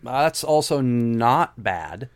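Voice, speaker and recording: A man's voice: mid-range voice, expressive, drawn-out words. A middle-aged man, a guest composer, chatting casually on a podcast and drifting into wry, rambling stories from his work. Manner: storytelling, digressive, wry.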